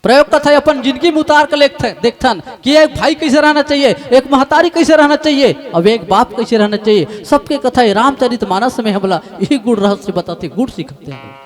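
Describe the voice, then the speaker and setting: A man's voice: extremely high pitch, lively intonation, normal speed, hardly any pauses. A man with a Chhattisgarhi accent preaching a devotional sermon in story form, emotional and rising to impassioned outcries. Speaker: Ramayana preacher.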